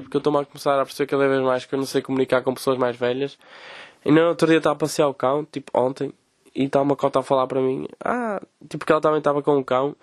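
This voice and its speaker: A man's voice: mid-range voice, dry recording. A young man from Portugal with a European Portuguese accent, hosting a podcast as a casual comedic rant, swearing often and mimicking people in quoted voices. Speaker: podcast host.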